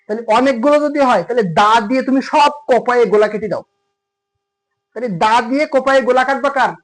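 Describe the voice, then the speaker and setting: A man's voice: extremely high pitch, fairly even intonation, fast. A man teaching English grammar in Bengali, explaining patiently and asking his students rhetorical questions. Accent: Khulna Bengali. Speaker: English tutor. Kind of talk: classroom grammar lesson. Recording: tinny phone-like audio.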